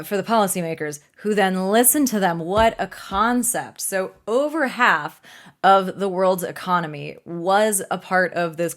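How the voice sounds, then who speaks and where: Chatty sarcastic young woman vlogger. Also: on the low side. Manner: chatty and sarcastic, with fillers and asides. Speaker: climate video creator. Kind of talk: casual explanatory vlog talk.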